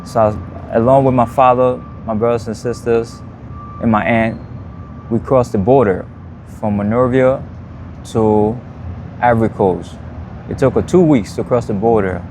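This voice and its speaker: A man in his thirties with a Liberian accent recounts his past in a plain, steady way. His voice sits at a middle pitch. Faint city traffic hums behind him outdoors. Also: unhurried. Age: 30s. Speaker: interview guest. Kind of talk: personal life story in an interview.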